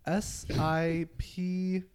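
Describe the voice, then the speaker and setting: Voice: mid-range voice, level tone, drawn-out words, a little mellow, clear, resonant tone. Rambling young podcast host. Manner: rambling, heavy on fillers. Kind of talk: casual chat.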